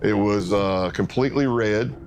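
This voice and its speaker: A man's voice: on the low side, moderate pace, darkish tone, a little hiss or hum. A middle-aged man, a former undercover agent telling his story in a documentary interview, acting out what others said.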